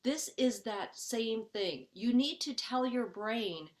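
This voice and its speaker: Speaking slowly and expressively in a fairly high voice, a middle-aged life coach leads a parenting webinar. She's earnest and chatty, frequently checks in with "okay?", and dramatizes her inner voice while explaining every step.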